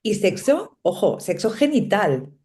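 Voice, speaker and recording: A woman's voice: mid-range voice, big pitch swings, unhurried, warm tone. A middle-aged woman with a Spain Spanish accent, talking reflectively as a guest in a casual panel conversation, often tagging her points with a questioning "no?". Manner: reflective, lots of tag questions and small laughs.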